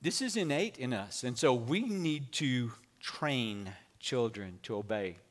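A man's voice: mid-range voice, measured pace. A man preaching a sermon, telling folksy stories from the pulpit. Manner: folksy storytelling preacher, lively delivery. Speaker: pastor.

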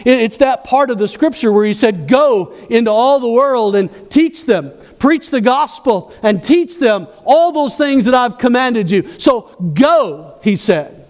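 A man's voice: very high voice, lively intonation, unhurried, few pauses, darkish tone, long reverb tail. A man preaching a sermon as pastor, asking the congregation questions as he goes.

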